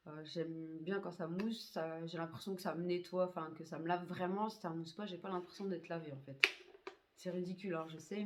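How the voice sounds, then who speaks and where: Low-voiced woman chatting about products. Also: noisy background. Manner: chatty, many hesitations and fillers. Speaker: beauty vlogger. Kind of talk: casual product review.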